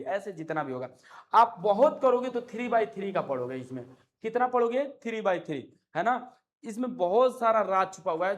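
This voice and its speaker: A high-pitched man lectures a maths lesson. He repeats key terms again and again and keeps coaxing his students with friendly checks on whether they follow. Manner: repetitive, coaxing, checks understanding often. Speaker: maths teacher. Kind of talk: classroom lecture.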